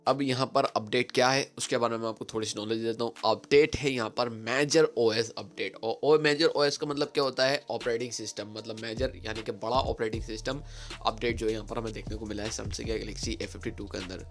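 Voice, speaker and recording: A man at an ordinary mid pitch talks through a phone software update in a loose, chatty explainer style. He hesitates often and drops English phrases into his sentences. Soft music plays faintly underneath. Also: fairly even intonation, brisk. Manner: chatty, many fillers, mixes English phrases into Hindi. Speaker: tech channel host. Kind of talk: casual tech explainer.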